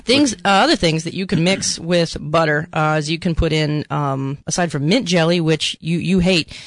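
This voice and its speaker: A woman's voice: deep voice, moderate pace, dry recording. A woman co-hosting a casual podcast chat, talkative and playfully bossy as she gives opinions and tips. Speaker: podcast co-host.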